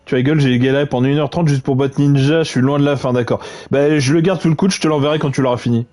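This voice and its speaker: A man chatting casually on a gaming live stream, relaxed and talkative, often stammering and repeating words and swearing offhand. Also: medium pitch, fast talker.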